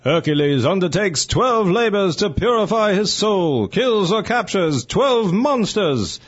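A man on a radio talk show putting on the voice of an old-time newsreel announcer, with a husky, measured delivery. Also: high-pitched, very animated, highs cut off, exaggerated voice. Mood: solemn. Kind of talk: mock newsreel narration.

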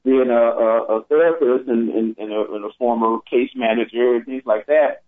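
A man's voice: mid-range voice, normal speed. A middle-aged man, a therapist on a talk broadcast, speaking hesitantly and often repeating his words. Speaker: therapist guest. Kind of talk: casual conversation. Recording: tinny phone line.

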